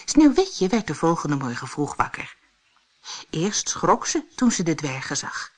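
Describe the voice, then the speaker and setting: A woman narrating a fairy tale in a lively, expressive storytelling manner. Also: low-pitched, measured pace.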